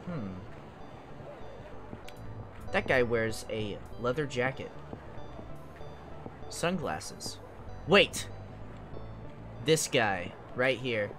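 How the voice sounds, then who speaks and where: A man's voice: mid-range voice, expressive, very slow, long pauses. A man giving casual playthrough commentary, thinking aloud informally as he goes. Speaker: gamer. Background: game music.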